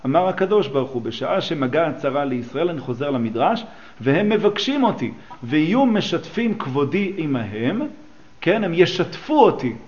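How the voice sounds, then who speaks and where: A man's voice: a little high, highs cut off. A man teaching a class on scripture, explaining the texts line by line and asking his listeners questions. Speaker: religious teacher. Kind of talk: teaching a class on a psalm and midrash.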